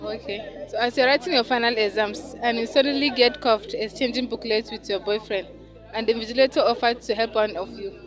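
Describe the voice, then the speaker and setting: A woman doing outdoor vox pop interviews on campus, asking quick direct questions into a handheld phone. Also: a little high, fairly even intonation, over music.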